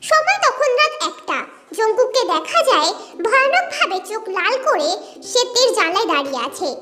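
A woman's voice: very high voice, very animated, normal speed. A woman telling a romantic fan-fiction story in a lilting, sing-song way. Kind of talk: dramatic fan-fiction narration. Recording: loud background music bed.

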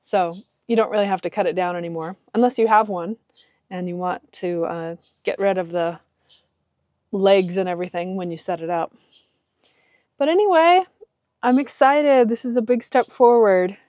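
A woman in her forties, a vlogger, casually narrates a do-it-yourself vehicle project inside an SUV and a carport, chatting and laughing often. Her mid-range voice has a darkish tone and moderate pace, with lo-fi sound and no echo.

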